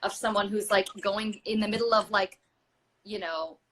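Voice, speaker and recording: Bright-voiced chatty American woman. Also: medium pitch, steady tone, normal speed, a little hiss or hum. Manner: chatty, many fillers, acts out quoted voices. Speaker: guest, stage actress and singer. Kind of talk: casual interview chat. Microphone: video call.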